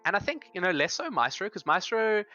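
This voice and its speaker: Bright-voiced male esports analyst. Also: high-pitched, very animated, a little fast, muffled recording, faint music behind. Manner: thoughtful, rambling with many fillers. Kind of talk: esports analysis desk chat.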